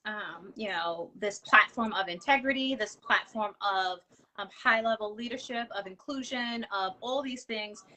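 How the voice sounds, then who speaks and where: A woman hosting an interview, warmly affirming her guest. Her voice sits a bit high and sounds bright. She fills her questions with um and you know. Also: slight background noise, low-quality recording. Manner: enthusiastic, affirming, many fillers. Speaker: host. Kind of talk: interview conversation.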